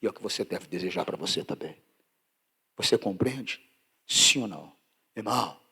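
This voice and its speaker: A pastor from Brazil preaching a sermon and sharing his testimony, emphatic and swinging from loud to hushed. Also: fairly low pitch, animated, normal speed, gravelly, slightly rough.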